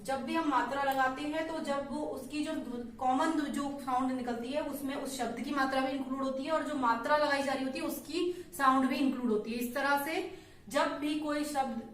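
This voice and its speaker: A woman teacher patiently explaining letter sounds to small children, stretching out syllables slowly and checking in often. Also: high-pitched, fairly even intonation, a bit bright. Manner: patient, slow, drawn-out syllables with frequent "theek hai". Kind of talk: Hindi phonics lesson for young children. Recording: echoey room, mic at a distance.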